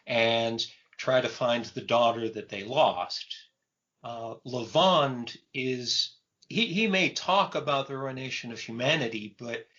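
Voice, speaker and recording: A man in his fifties co-hosting a film podcast, talking in a measured, thoughtful way with frequent pauses. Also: medium pitch, pushed and bright. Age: 50s. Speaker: podcast host. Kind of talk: casual film discussion. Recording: dull lo-fi podcast audio.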